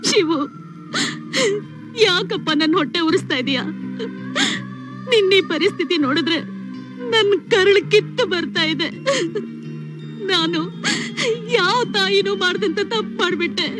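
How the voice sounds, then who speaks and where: A woman's voice: very high voice, unhurried, pauses often. An actress playing a remorseful mother who pleads for forgiveness through tears, in film melodrama dialogue with music underneath. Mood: anguished. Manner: tearful, anguished pleading.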